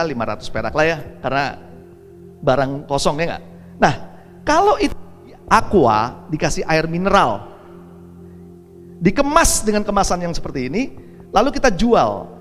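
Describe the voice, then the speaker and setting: Male pastor, animated sermon delivery, engages listeners with questions, reverberant church hall. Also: fairly high pitch. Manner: storytelling with quoted dialogue and audience questions. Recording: long church hall reverb with faint music.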